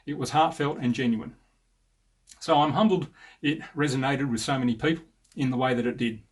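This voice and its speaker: An Australian air traffic controller in his fifties narrates a personal account in a measured, sincere manner, his medium-pitched voice slightly husky.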